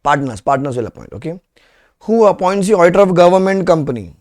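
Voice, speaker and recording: A man's voice: sits high, very animated, fast talker, darkish tone. Indian man teaching, repeating for emphasis. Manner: repeats questions and phrases for emphasis. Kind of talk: live classroom lecture with quiz questions.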